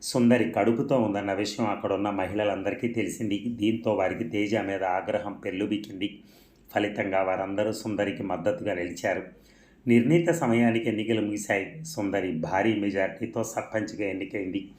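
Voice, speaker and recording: A man reading a novel aloud as a storyteller, in a steady, plain narrating manner. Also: on the low side, normal speed. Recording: roomy echo.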